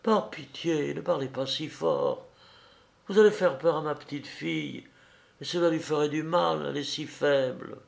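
A frightened young mother pleads in a hushed, gentle voice, as a male reader puts her on. She sounds higher than the reader's own voice and quiet. It comes from a slow, read-aloud storybook. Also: lively intonation, vocal fry. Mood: frightened pleading. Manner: soft, pleading, anxious.

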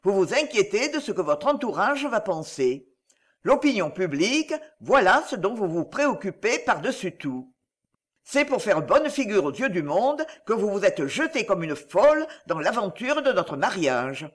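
A man's voice: high voice, big pitch swings, normal speed, fairly bright tone, heavily acted. A man playing a proud ironmaster husband who speaks severely, coldly and mockingly.

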